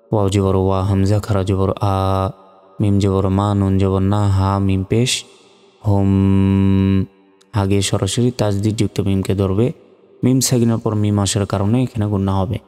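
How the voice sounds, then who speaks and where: A man's voice: lowish voice, mellow, in a large hall. A man teaching Quran reading, spelling out each letter and vowel mark syllable by syllable. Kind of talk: step-by-step spelling lesson.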